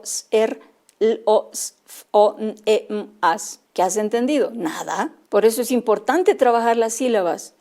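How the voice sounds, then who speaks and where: Female teacher trainer, Bolivian Spanish accent, warm low-toned voice, patient and methodical delivery. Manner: spells out letters and sounds slowly, addresses teachers as usted. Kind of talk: instructional lecture for teachers.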